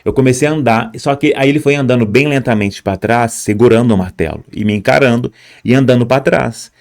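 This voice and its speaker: A man's voice: mid-range voice, brisk, gravelly, a little mellow. A young man tells his own story as an immigrant, speaking straight to viewers and pointing at footage on screen. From Brazil. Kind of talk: personal storytelling.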